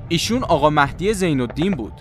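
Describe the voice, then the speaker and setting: A man's voice: on the high side, lively intonation, lightly acted. An actor playing a cheerful young male soldier comrade with an easygoing, teasing manner, in a radio drama. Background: music.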